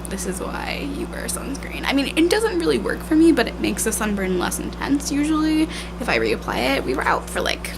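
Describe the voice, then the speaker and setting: A young woman's voice sits high as she rambles through a casual vlog at home, holding the camera at arm's length. Congested and tired-sounding, she's chatty and self-deprecating, peppering her talk with "like" and "um," over some background noise.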